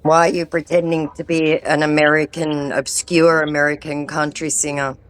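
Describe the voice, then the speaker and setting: This woman has an ear infection and a low-pitched voice, speaking at normal speed with flat delivery. As a scam-baiting vlogger, she confronts and sarcastically mocks a phone scammer before turning to chat with viewers.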